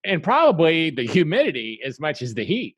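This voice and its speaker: A man from South Carolina hosting a podcast, talking in an animated, rambling way full of asides. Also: a little high, brisk, no echo, highs cut off. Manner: animated and rambling, lots of "you know" asides. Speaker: podcast host. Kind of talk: casual interview chat.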